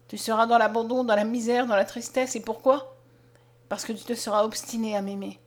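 Soft sorrowful blind peasant youth for a storybook reading, read by a woman; fairly high voice, hushed and tender. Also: steady tone, brisk, lightly acted. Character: gentle blind young peasant man, sorrowful. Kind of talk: audiobook character reading.

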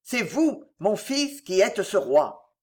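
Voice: mid-range voice, very animated, slow, a little mellow. A reader voicing a proud, fierce aristocratic mother who speaks in a fiery, declamatory way. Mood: proud, exalted.

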